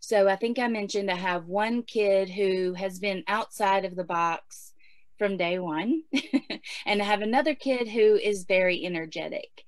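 Woman in her forties, chatty advice talk, mid pitch, dry close sound. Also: unhurried, dry recording. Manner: chatty, many fillers, laughs often. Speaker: homeschooling guest speaker.

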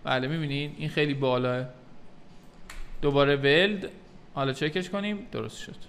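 A man narrating a 3D modeling tutorial, calmly explaining each step to his viewers. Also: on the high side, a little hiss or hum. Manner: calm step-by-step explaining, addresses viewers as kids.

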